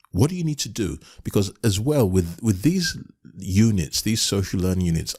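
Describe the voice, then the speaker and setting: A man's voice: low voice, a little mellow, slightly rough. A man coaching business owners in a recorded course lesson, earnest and emphatic, repeating his points with frequent restarts.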